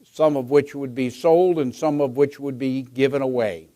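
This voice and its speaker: Measured American man hosting on stage. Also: mid-range voice, fairly even intonation, dark tone. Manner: measured, rhetorical, repeats phrases for emphasis. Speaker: event host and interviewer. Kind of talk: onstage introduction and interviewing. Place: on stage at a luncheon event.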